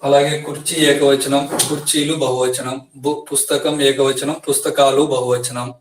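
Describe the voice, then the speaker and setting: A man teaching a language lesson, speaking slowly and deliberately, repeating and stressing each letter. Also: medium pitch, little pitch movement, distant mic. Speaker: Telugu teacher. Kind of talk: grammar lesson. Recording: echoey room, voice a bit off-mic.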